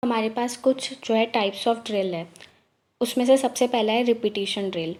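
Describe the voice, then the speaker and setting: A woman teaching a lesson, explaining each point step by step and reading English headings slowly and deliberately. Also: a little high, a little hiss or hum. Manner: steady step-by-step explaining with many fillers. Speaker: teacher-training tutor.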